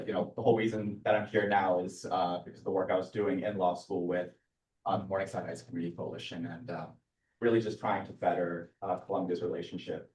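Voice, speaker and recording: A young man in his twenties with a deep voice chats casually and uses many fillers. He stands away from the mic in an echoey room. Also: recorded from a distance. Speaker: law student. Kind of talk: self-introduction at a public meeting.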